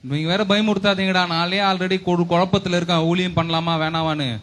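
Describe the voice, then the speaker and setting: A young man playing a quick, anxious, earnest believer. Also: high voice, steady tone, a bit bright. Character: earnest young man torn about church ministry. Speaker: lead in a church skit.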